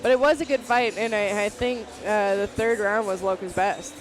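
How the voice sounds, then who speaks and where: A woman's voice: mid-range voice, steady tone, moderate pace, over music, low-quality recording. A woman giving conversational colour commentary and analysis on a live fight. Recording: loud crowd behind.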